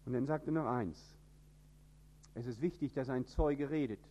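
A man from northern Germany with a standard High German accent, preaching an emphatic sermon. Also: moderate pace, a little hiss or hum. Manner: emphatic, with sudden rises in pitch and loudness.

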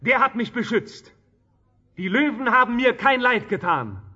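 Reverent survivor: raised, very high, bright calling voice, radio drama. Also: male voice, sing-song, unhurried, husky, lo-fi sound, exaggerated voice. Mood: relieved, reverent. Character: faithful survivor calling up from a pit. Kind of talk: radio play acting.

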